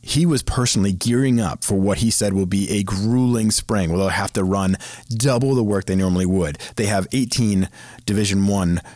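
Fast-talking deep-voiced podcast host man. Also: a little mellow, no room sound. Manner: fast-talking, casual and chatty. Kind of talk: career advice podcast monologue.

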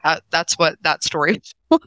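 A woman in her forties tells a heartfelt story in a bright, crisp voice. She acts out each person's lines as she goes. The sound is dry and close. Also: low voice, normal speed, no echo. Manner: emotional, acts out quoted dialogue. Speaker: guest, nonprofit co-founder. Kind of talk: casual conversational storytelling.

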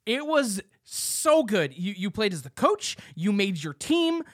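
A young man co-hosting a casual podcast chat, excited and rambling, swearing freely as he reminisces. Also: high voice, a little slow, no room sound, clean studio sound. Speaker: podcast co-host.

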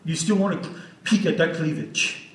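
A sixty-year-old man speaks earnestly to a church crowd, working without a script and turning to the audience with questions. His slightly higher voice rings through a roomy hall, heard from some distance away with a faint hiss underneath. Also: lively intonation, normal speed. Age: 60s. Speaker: guest speaker. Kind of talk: church teaching talk.

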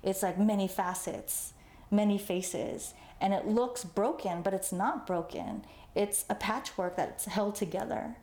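A woman artist from Los Angeles chats in a conversational interview, using lots of fillers and laughing easily. Her voice is mid-range and dark in tone, her pace measured, and the sound is reverberant.

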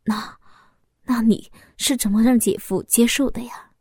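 Brief: a woman playing a young male lover, teasing and eager, whispery and hushed, set just a bit lower than her own high voice, close and dry. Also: fairly even intonation, unhurried, husky, no room sound. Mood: puzzled. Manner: soft, whispered, playful.

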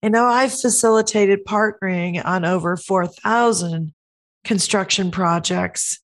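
Hoarse, slow-talking woman host. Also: mid-range voice. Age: middle-aged. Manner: earnest, measured teaching tone. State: hoarse from a cold. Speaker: podcast host. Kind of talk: podcast monologue.

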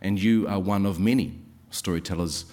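A man with a New Zealand accent giving an informal speech of thanks, halting and repeating words, with some Māori phrases. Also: low-pitched, mellow. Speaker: speaker giving closing thanks at a writers' festival.

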